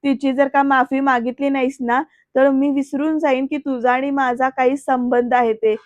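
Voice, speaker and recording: A young heroine answers curtly and firmly, as a woman reads her lines. The voice is high and even, with little swing in pitch. The recording is dry and dull. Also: moderate pace, no room sound, natural voice. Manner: firm, curt. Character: firm, dismissive young woman lead.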